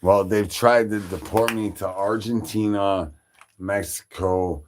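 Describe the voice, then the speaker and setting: A man from Chicago chatting loosely on a livestream, profane and rambling, with plenty of fillers and shout-outs. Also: lowish voice, steady tone, slow, slight background noise. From Chicago, Illinois. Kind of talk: rambling casual stream chat.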